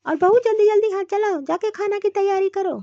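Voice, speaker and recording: A woman's voice: very high-pitched, brisk, dark tone, dull audio, slight background noise. A woman voicing a bossy, scolding older mother-in-law in a cartoon. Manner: scolding, commanding. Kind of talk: cartoon voice acting.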